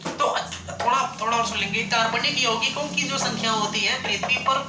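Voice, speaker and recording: A male chemistry teacher with a very high-pitched, fairly even voice lectures his class a little fast, asking questions, answering them himself, and repeating each point. The echoey classroom has student chatter and music in the background.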